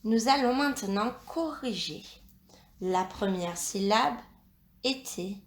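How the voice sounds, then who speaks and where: A woman teacher reading a dictation for young pupils, pronouncing each syllable and word slowly and carefully. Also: medium pitch, animated. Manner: slow, carefully articulated dictation. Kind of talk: classroom dictation lesson. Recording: echoey room.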